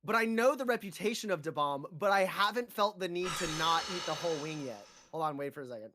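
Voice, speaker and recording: A woman's voice: lowish voice, animated, quick pace, background noise. A woman hosting a live stream hot sauce challenge, groaning and complaining as the spice burns her mouth and eyes. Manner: groaning and complaining through spicy food. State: mouth burning, eyes watering. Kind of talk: casual live-stream chat.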